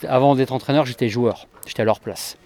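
Measured middle-aged basketball coach. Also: male voice, medium pitch, a little mellow, a little hiss or hum. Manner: measured, explanatory. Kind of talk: interview answers.

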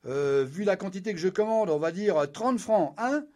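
A man's voice: high voice, expressive, moderate pace, dark tone. Man doing a curt, domineering officer. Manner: curt, commanding, dismissive. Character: arrogant, domineering young male officer bargaining. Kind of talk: audiobook character voice.

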